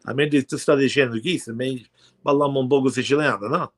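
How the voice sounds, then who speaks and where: A Brooklyn man in his sixties with a New York accent hosts a radio chat show, talking fast at a medium pitch. His casual chat rambles along in a chatty way, packed with fillers.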